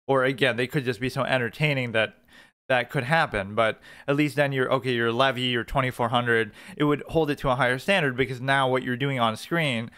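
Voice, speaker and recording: A man's voice: mid-range voice, fairly bright tone, clean tone. A man giving opinionated, off-the-cuff reaction commentary in a critical, argumentative manner.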